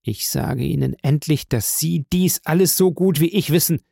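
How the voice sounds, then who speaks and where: A passionate young man with a raised, strained voice, pressing his accusation over and over, as a male narrator puts him on. The tone is gravelly and dry. It is an audiobook figure, loud and insistent. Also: on the high side, moderate pace, no echo, pitched above the performer's own voice. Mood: accusing. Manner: fervent, insistent repetition.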